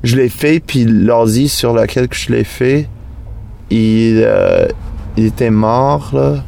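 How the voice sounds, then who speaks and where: A man, a native English speaker with a foreign accent in French, chatting in an interview and haltingly searching for words. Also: mid-range voice, sing-song, creaky, dark tone, a little hiss or hum. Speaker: musician being interviewed. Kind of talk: casual interview chat.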